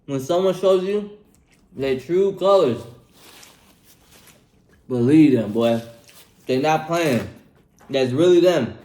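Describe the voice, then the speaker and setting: Young man, twenties, slightly higher voice, loose slangy advice vlog, echoey room. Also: darkish tone. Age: 20s. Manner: laid-back, slangy, repeats himself, tags lines with "bro". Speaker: vlogger giving life advice. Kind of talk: casual advice vlog while eating.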